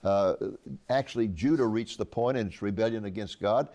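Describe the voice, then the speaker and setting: Warm in tone and on the low side, the voice of this author in his eighties moves at a moderate pace. He talks earnestly about his book in a conversational interview, restarting his words often.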